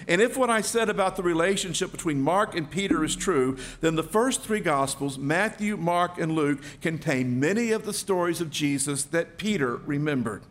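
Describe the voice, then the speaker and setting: A man's voice: animated, normal speed, few pauses. A man preaching a sermon, telling the story vividly and acting out the quoted voices. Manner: storytelling, acting out quoted voices with big swings in pitch and loudness. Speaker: pastor.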